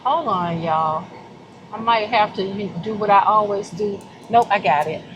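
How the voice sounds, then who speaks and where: Southern woman vlogger, drawn-out delivery, warm and effusive, slight background noise. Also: mid-range voice, lo-fi sound. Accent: Southern American. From Southern United States. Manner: effusive, animated, heartfelt, addresses viewers as y'all. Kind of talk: casual vlog chat.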